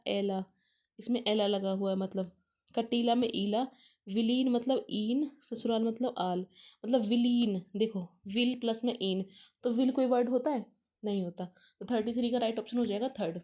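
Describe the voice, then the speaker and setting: Young woman teacher going through test answers step by step, fairly high but mellow voice, tosses in english words, keeps saying friends. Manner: explains step by step, addresses viewers as friends; mixes English words into Hindi. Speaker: exam prep teacher. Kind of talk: solving exam questions aloud.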